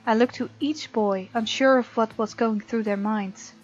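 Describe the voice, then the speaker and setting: On a muffled lo-fi mic over game music, a woman with a voice on the high side speaks at a measured pace. She hosts a let's play, reading game text out loud and chatting casually about the unfolding story.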